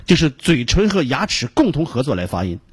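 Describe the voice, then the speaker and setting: A man teaching English pronunciation on a radio lesson, explaining patiently step by step and repeating sounds slowly to demonstrate them. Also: medium pitch, big pitch swings, husky, no room sound.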